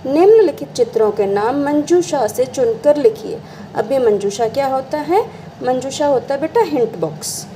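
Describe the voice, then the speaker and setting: A woman's voice: fairly high pitch, dark tone, slight background noise, rough recording. A woman teacher, patiently explaining a lesson, often asking a question and then answering it herself. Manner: patient, calls students beta, asks and answers her own questions. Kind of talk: classroom lesson explaining exercises.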